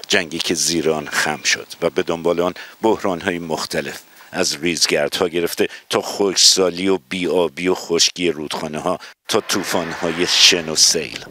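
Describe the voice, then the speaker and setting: A man narrating a news report as a reporter, formal and measured. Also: sits low, sharp tone, a little hiss or hum.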